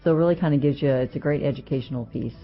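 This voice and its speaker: A man's voice: on the high side, very fast, faint music behind. Guy being interviewed in a radio studio, chatty explaining, kinda muffled lo-fi. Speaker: radio studio guest, trade association president. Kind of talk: conversational interview. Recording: dull lo-fi radio audio.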